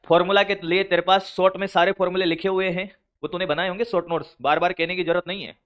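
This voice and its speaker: A man's voice: high voice, bright, forceful tone, clear, resonant tone. A male teacher giving blunt, scolding study advice to exam students, calling them brother and son. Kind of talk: motivational study advice lecture.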